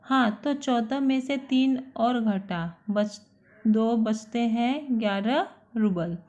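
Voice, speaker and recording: A woman's voice: on the high side, takes it slowly, darkish tone. A woman voicing a stern, scheming male master of the house who speaks in a hard tone, in a dull lo-fi recording.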